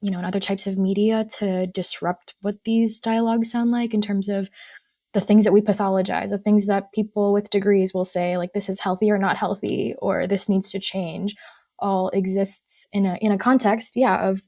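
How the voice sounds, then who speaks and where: Gravelly-voiced woman counselor, thoughtful. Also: medium pitch, fairly even intonation, mellow, no room sound, clean studio sound. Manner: thoughtful, measured, pauses to qualify points. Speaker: guest counselor. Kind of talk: casual podcast conversation.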